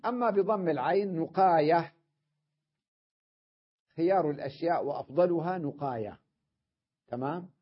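A man's voice: mid-range voice, husky. A man teaching an Arabic grammar class, explaining patiently and often checking that his students follow. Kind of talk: classroom lesson. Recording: dull lo-fi lecture recording.

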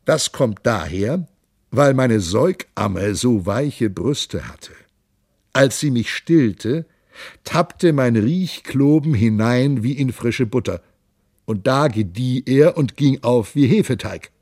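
A man's voice: lively intonation, takes it slowly, no echo, studio quality. A man doing a boisterous, bawdy drinking monk. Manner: loud, hearty, high-pitched boisterous delivery. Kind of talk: audiobook character voice.

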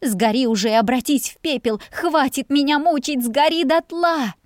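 Woman doing a desperate young heroine, screaming, sobbing pleas, very high cries, dry sound. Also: moderate pace, no room sound, natural voice. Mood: despairing.

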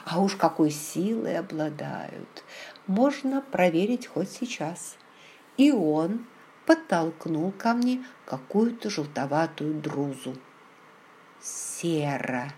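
A woman reads a novel aloud in a slow, unhurried way. Her voice sits fairly low, and the reading is measured and expressive. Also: slight background noise. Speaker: audiobook narrator. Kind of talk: scripted literary narration.

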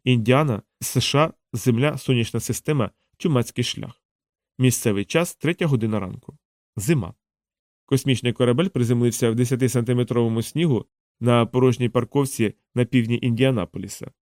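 A man narrating a novel as an audiobook, in a calm, measured way. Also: mid-range voice, no room sound, studio quality.

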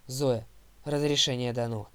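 A man voicing a calm, haughty girl who leads the huntresses and speaks with measured, imperious authority in a storybook reading. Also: mid-range voice, smooth, lightly acted.

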